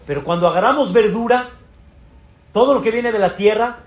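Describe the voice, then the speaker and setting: A man's voice: sits high, brisk, lo-fi sound. A man, a rabbi giving an emphatic sermon full of rhetorical questions and exclamations.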